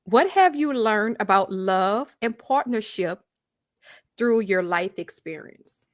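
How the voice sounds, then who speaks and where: A woman hosts a podcast interview, speaking slowly with a lively, rising and falling pitch. She sounds affirming and agreeable, recorded close and dry. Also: no room sound. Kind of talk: interview questions.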